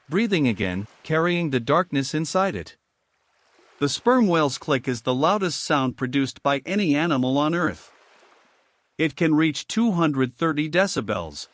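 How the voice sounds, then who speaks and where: A man reading scripted nature documentary narration for sleep, measured and unhurried. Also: on the high side, dry recording.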